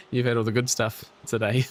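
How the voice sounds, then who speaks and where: A man hosting a casual live stream, chatting with viewers and a teammate in a relaxed way, full of restarts and fillers. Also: medium pitch, slight background noise. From New Zealand. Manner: relaxed and chatty, with frequent restarts and fillers while reading chat aloud; friendly, encouraging teammate. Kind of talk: casual live-stream chat over sim racing.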